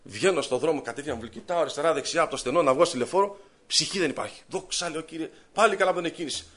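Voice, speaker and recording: A high-pitched man delivering a sermon. He moves between quiet storytelling and fervent, rising prayer. He addresses his listeners directly as he preaches. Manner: storytelling, acting out his own inner voice.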